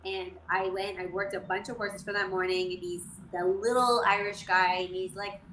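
A woman in her forties from Canada, a jockey guest telling stories in an animated, casual way full of fillers. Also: mid-range voice, normal speed. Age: 40s. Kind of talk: casual interview storytelling. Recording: echoey room, faint noise.

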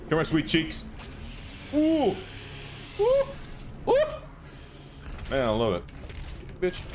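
A man hosting a let's play, commenting on his gameplay in an excitable, profane way with laughs and yelps. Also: medium pitch, a little hiss or hum. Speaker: gaming channel host.

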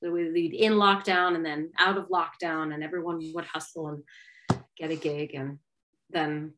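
Her voice is low-pitched and at normal speed, against a noisy background. She's a middle-aged singer and yoga teacher from Maryland, USA, giving a casual video-call interview from a room in her home as an animated storyteller full of lively energy.

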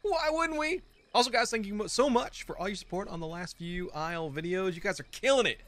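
Brief: young male gaming host, jokey, reactive, slightly raised pitch. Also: brisk. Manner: excitable, jokey, exclaims often. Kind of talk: let's play commentary.

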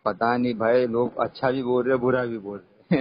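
Man talking fast over a muffled phone line. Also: medium pitch. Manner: calm, insistent, explains himself at length. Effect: heard over a phone line. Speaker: caller, former company employee. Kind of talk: casual phone conversation. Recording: muffled phone call recording.

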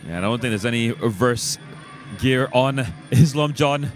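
A man's voice: mid-range voice, moderate pace, music in the background. A man giving live sports commentary as a fight commentator.

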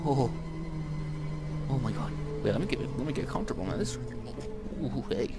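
A man's voice: mid-range voice, lively intonation, moderate pace. A young man giving let's-play commentary on a horror game, jumpy and swearing, with nervous laughs. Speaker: gamer playing a horror game. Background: game music.

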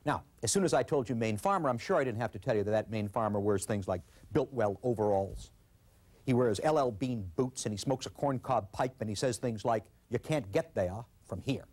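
A man teaching a management course, lecturing and telling stories in an animated way. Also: mid-range voice, fairly quick. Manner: animated storyteller. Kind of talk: scripted lecture with storytelling.

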